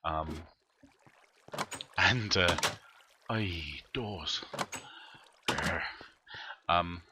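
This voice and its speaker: A man's voice: low-pitched, fairly even intonation, normal speed, heavy background noise. A man giving live commentary while he plays a game, rambling and thinking aloud as he builds. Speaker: game streamer.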